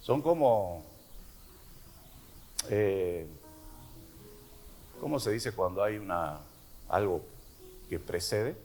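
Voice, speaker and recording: A man from Argentina with an Argentine Spanish accent, preaching a sermon at an unhurried pace with fillers and repeated words. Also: lowish voice, lively intonation, darkish tone, faint music behind. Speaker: pastor.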